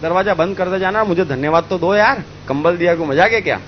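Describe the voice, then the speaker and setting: A man voicing a generous old male monk in a told story, gently insistent and at times commanding. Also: sits high, fast talker, lo-fi sound, slight background noise, close to an everyday voice. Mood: insistent kindly.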